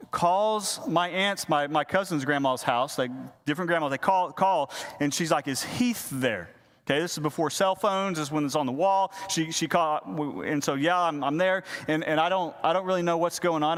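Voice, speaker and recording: Folksy pastor telling a childhood story. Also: male voice, a little high, clear, resonant tone. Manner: folksy, animated storytelling with frequent restarts. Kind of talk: storytelling sermon.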